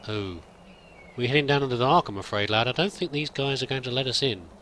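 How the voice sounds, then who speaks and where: Brisk and sharp, a medium-pitched man's voice comes through slight background noise. He's in character as a pilgrim during a let's play, wandering through his thoughts aloud in a hesitant, musing way.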